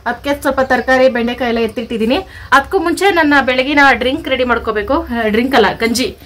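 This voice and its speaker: A young village woman from talks straight to her followers and calls them friends, chatty and homely. Her voice sits high and bright. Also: quick pace. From Karnataka, India. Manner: chatty, addresses viewers as friends. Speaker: vlogger, channel host. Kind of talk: casual cooking vlog narration.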